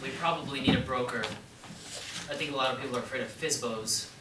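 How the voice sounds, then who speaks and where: An actor on stage playing a calm, measured young father who is grieving and a little defensive. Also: mid-range voice, natural voice. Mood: weary. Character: patient, grieving young father selling his house. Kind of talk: stage play performance. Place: theater stage. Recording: echoey room, far-off mic, noisy.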